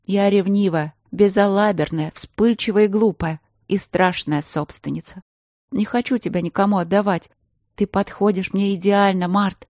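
A woman's voice: mid-range voice, steady tone, moderate pace, darkish tone, no echo, clean studio sound, pitched above the performer's own voice, lightly acted. A woman reading an audiobook, voicing an impulsive, jealous young princess who speaks emotionally and pleads fervently. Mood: fervent pleading.

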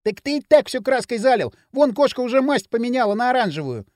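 A man voicing an arrogant teenage boy who scolds loudly. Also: very high voice, very animated, fast talker, dry recording, studio quality, pitched above the performer's own voice. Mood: mocking. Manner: loud and scolding. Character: cocky bossy teenage boy.

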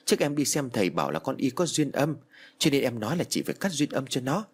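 A man's voice: mid-range voice, big pitch swings, quick pace, husky. A man voicing a blunt aunt who scolds her sister for not believing in ghosts, in a spoken ghost story. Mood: scolding. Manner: scolding, told-you-so.

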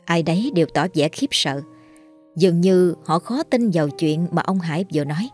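A woman narrates a horror story in a steady, even way. Her voice sits on the low side, with faint music running underneath. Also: moderate pace.

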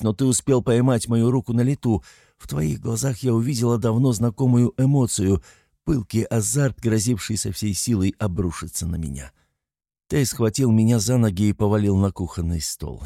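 Low, gravelly male narrator. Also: dark tone, no echo, clean studio sound. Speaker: audiobook narrator. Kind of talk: storybook narration.

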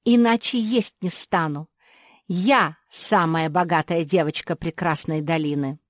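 A woman voicing a spoiled, rich young labrador girl who whines and demands loudly. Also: on the low side, unhurried, no room sound, clean studio sound, natural voice. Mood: bossy. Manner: whiny, demanding, loud.

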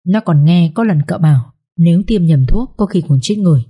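A woman narrating a story in a lively, colloquial way. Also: on the low side, fairly quick, slightly rough.

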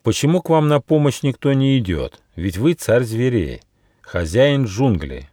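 A man's voice: medium pitch, unhurried, dry recording, clean studio sound, voice pushed up. A man doing a firm, kind little gnome. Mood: gentle. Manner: firm, calm, modest. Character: kind, stern little male gnome leader.

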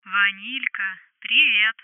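A woman's voice: medium pitch, takes it slowly, clean tone, no echo. A woman voicing a menacing male debt collector over a tinny phone line, coaxing and cold. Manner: coaxing, then cold and threatening. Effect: phone filter.

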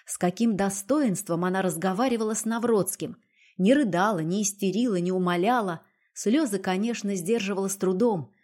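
Woman, audiobook reader, first-person narration, even and expressive delivery. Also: medium pitch, brisk.

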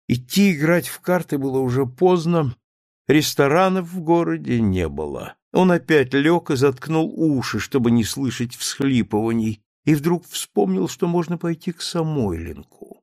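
A man reading a story aloud as an audiobook narrator, steady and measured. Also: on the high side, no room sound, studio quality. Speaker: audiobook reader. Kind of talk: scripted narration.

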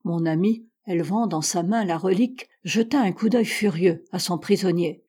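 Mellow, husky woman narrating. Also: fairly low pitch, normal speed. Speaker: audiobook reader. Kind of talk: literary narration.

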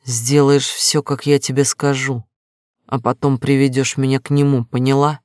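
A man's voice: mid-range voice, little pitch movement, normal speed, no room sound, clean studio sound, close to an everyday voice. Man reading as a furious jealous lover. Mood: taunting. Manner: harsh, taunting, shouting in rage.

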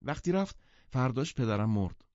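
A male audiobook narrator voicing a cool, languid young woman with a soft drawl, in a dry, muffled recording. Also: medium pitch, very animated, no echo, pitched above the performer's own voice, close to an everyday voice. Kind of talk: audiobook character voice.

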